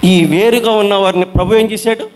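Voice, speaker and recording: A man with a strikingly high voice leads a Bible study. He calls his listeners children. He repeats his questions to the group and then answers them himself. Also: fairly even intonation, fairly quick, in a large hall, a little hiss or hum.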